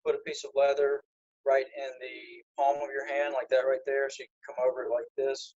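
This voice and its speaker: Speaking a little fast in a medium-pitched, slightly mellow voice with little pitch movement, a man teaches flintknapping step by step. It's a live video-call demonstration where he shows the work with his hands, captured in lo-fi phone sound.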